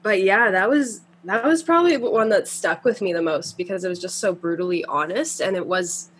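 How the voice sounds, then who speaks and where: A young woman from Canada, a singer chatting as a guest in an interview, talkative and quick to laugh. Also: medium pitch, a little hiss or hum. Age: young adult. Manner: chatty, laughs often, trails off. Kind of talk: casual interview chat.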